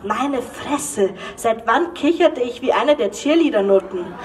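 A woman's voice: a little high, unhurried, distant mic, slight background noise. A woman author giving a live reading from her romance novel, reading with energy and breaking into laughter. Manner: lively reading with bursts of laughter. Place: event hall.

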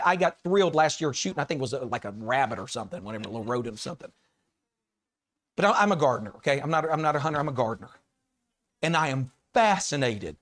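Man, American, preacher, high voice, sermon in a church, folksy asides, shouted peaks. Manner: swings from quiet asides to shouted emphasis; folksy, conversational storytelling between scripture readings. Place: church sanctuary.

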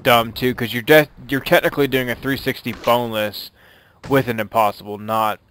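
A man's voice: medium pitch, fairly even intonation, normal speed, fairly bright tone, a little hiss or hum. Rambling let's-play commentator man. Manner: rambling, lots of fillers and restarts. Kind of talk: casual gameplay commentary.

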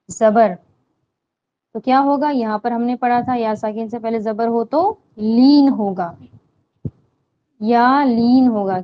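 A woman teaching Quran recitation rules, explaining slowly and answering her own questions, with drawn-out chanted recitation of verses. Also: fairly high pitch, muffled recording. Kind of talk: slow step-by-step tajweed lesson.

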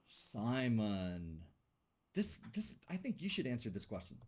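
A man's voice: medium pitch, very animated, unhurried, a little mellow. A man teaching a class over a video call, talking casually and joking with students as he thinks aloud. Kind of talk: online class discussion. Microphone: computer mic on a video call.

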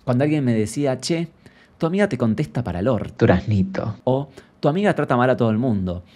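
A man's voice: medium pitch, expressive, quick pace, darkish tone, natural voice. A man with a Rioplatense Spanish accent playing a brash, gossipy female friend character, reading out a viewer's story and mocking it in a camp, theatrical way. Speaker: comedy creator reading viewer anecdotes in character. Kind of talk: character comedy monologue.

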